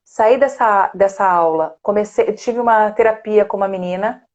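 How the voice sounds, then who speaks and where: A woman speech therapist talking in a warm, chatty way and laughing often, as a guest on a live video call. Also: mid-range voice, moderate pace. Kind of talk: casual live chat. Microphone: computer or phone on a video call.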